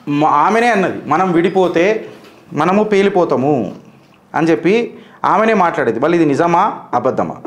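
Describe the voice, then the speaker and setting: A man's voice: a little high, reverberant. A man giving combative political commentary, firing rhetorical questions straight at the person he criticizes.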